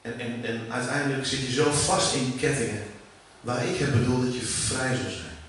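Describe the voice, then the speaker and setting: A middle-aged man with a Dutch accent preaching a sermon, animated, jumping up in pitch and volume for emphasis and often restarting his words. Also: moderate pace. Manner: animated, rising sharply in pitch and volume for emphasis, many repeated starts. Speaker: preacher and worship leader. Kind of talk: sermon teaching. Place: church hall. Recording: far from the mic in a very echoey room with faint ambient noise.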